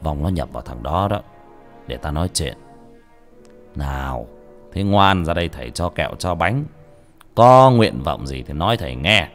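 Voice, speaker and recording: A man's voice: on the low side, big pitch swings, moderate pace, a bit bright, faint music behind. A man voicing a stern male exorcist master who commands spirits with authority. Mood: coaxing.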